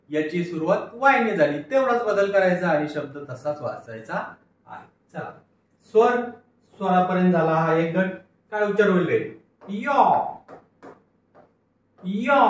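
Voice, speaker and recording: High-voiced teacher in an echoing room. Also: male voice. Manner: patient, asks questions and answers them himself. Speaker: English reading teacher. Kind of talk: phonics lesson with call-and-repeat drills. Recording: very echoey room, mic at a distance.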